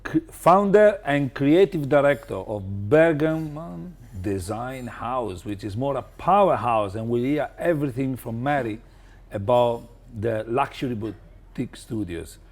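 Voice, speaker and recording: Male podcast host, husky voice, effusive, hesitant, stop-start phrasing. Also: mid-range voice, lively intonation. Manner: effusive, hesitant, halting restarts. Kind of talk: interview hosting.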